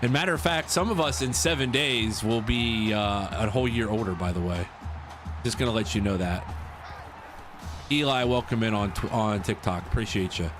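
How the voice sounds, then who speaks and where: A livestream host in his thirties chats casually with viewers while playing a football game, reacting to it and often repeating himself. His voice is fairly low and his pace moderate, with music playing under his speech.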